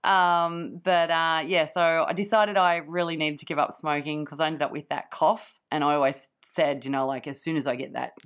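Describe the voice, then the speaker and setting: A hoarse woman, chatting as a guest about running, laughing often and using many fillers. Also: low voice, fairly even intonation, normal speed, few pauses, lo-fi sound. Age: late 40s. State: hoarse from yelling. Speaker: guest ultra runner. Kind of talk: casual chat.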